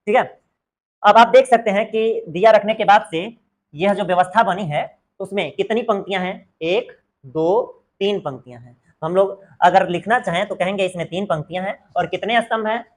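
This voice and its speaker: A man teaching a math lesson, asking questions and answering them himself, repeating the key words. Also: sits high. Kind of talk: exam-prep math lesson.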